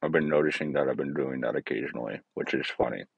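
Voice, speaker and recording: Hosting his own podcast, a man with a gravelly bass voice talks fast in a hesitant, wandering monologue packed with fillers and self-corrections. The audio sounds dull, with a little hiss or hum.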